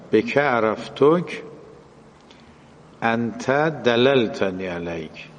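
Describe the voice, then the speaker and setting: A man's voice: mid-range voice, highs cut off, slight background noise. Man lecturing in a reverberant hall. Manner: explanatory, quotes and translates Arabic phrases. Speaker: religious lecturer. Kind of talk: classroom lecture.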